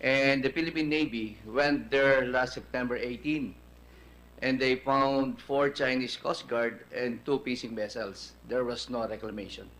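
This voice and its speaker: A government official answering questions at a hearing. He speaks at a middle pitch and pauses often, filling the gaps with hesitant fillers as he reports. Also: fairly even intonation, a bit bright, slight background noise, poor audio. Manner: halting, many fillers. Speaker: defense undersecretary testifying. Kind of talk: hearing testimony.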